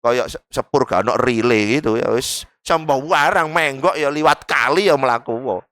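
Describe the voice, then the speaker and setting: A man with an East Javanese accent giving a religious study lecture in a mosque, lively and jokey, slipping local dialect into the lesson. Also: medium pitch, moderate pace, no echo. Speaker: Islamic teacher.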